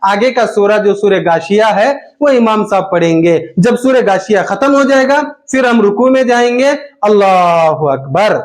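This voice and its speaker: A man, patiently explaining step by step how to perform a prayer. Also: high-pitched. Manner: slow, patient explaining with drawn-out takbirs. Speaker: religious teacher.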